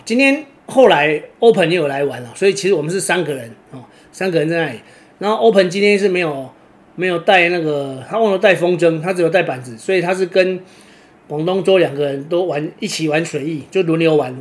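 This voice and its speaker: Man rambling with Taiwanese Mandarin. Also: on the high side. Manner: rambling, fills pauses with drawn-out "oh"s, restarts words. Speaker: kitesurfer vlogger. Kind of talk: casual storytelling.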